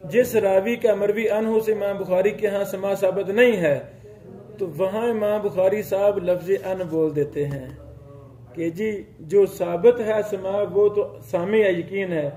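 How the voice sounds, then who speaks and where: A man teaching a religious studies class, explaining slowly, reciting Arabic passages and checking whether his students follow. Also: high-pitched, fairly even intonation, warm tone. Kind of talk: classroom lecture.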